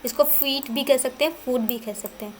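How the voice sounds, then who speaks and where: Woman tutor, bright high voice, patient lecture for students. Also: a little fast, a little hiss or hum. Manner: repeats terms, spells words out letter by letter; asks questions then answers them. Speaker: teacher. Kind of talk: exam-prep lecture.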